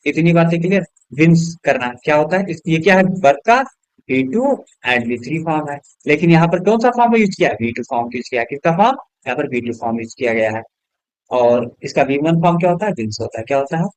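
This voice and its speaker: A man teaching English grammar to students, his voice sitting a bit higher than most men's. He throws questions at the class and answers them himself, and he spells words out one letter at a time. The recording is close and dry, with no room echo. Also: expressive, brisk, smooth.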